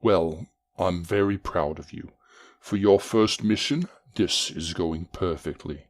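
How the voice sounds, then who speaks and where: An actor playing a scheming villain uncle who speaks in a slow, measured, menacing way. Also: female voice, a bass voice. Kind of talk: audio drama acting.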